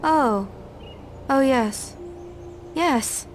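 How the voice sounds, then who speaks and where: An actress voicing a dazed woman fan in a video game, speaking in a flat, emotionless monotone, slow and halting with stalled repeats. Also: sits high, slight background noise. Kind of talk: video game character dialogue.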